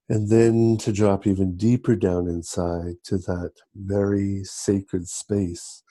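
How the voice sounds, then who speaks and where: Soft, slow, low-voiced man guiding hypnosis. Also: vocal fry, breathy edge, dry recording. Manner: slow, gentle, hypnotic pauses and repetition. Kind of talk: guided hypnosis relaxation, soft soothing delivery.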